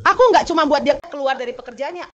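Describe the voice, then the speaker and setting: A woman's voice: high voice, quick pace, dull audio, natural voice. An actress dubbing a domineering, spiteful middle-aged mother who scolds and bosses. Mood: scolding. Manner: scolding, bossy. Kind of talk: dubbed short drama.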